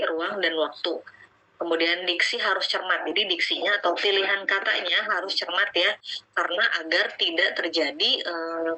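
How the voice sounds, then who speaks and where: A woman teaching a class in a casual lecture, often pausing with fillers and speaking straight to her students. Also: fairly low pitch, sharp tone, low-quality recording. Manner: hesitant with many fillers; addresses students directly.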